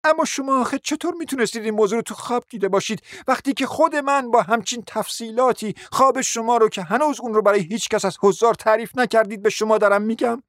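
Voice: mid-range voice, hardly any pauses, no room sound, studio quality, close to an everyday voice. A performer voicing an agitated, scheming middle-aged mother in a radio play, full of exclamations and pressing questions.

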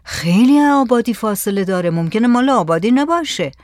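A woman's voice: on the high side, animated, a little mellow, no echo, clean studio sound, lightly acted. A woman voicing the impatient, practical young son of a village headman in a read-aloud story. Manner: impatient, matter-of-fact.

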